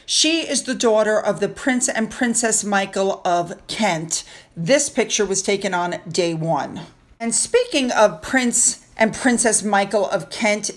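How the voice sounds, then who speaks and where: A woman talking casually over photos in a chatty, gossipy commentary with sighing asides. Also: mid-range voice. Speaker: royal news vlogger.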